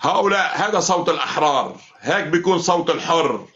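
A man's voice: a little high, expressive, quick pace, a bit bright, muffled recording. A man hosting a heated political live chat, fervent and denouncing. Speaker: live stream host.

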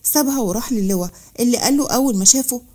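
A woman with an Egyptian accent giving a brisk, even scripted narration of a romance story. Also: a little high, breathy edge. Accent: Egyptian Arabic.

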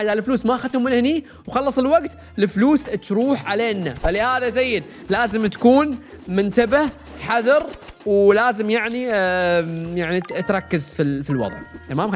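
A young man giving casual, joking let's-play commentary as he plays a cooking game. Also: high-pitched. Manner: fast, chatty, jokes with the game's customers. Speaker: gaming YouTuber. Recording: faint game music behind.

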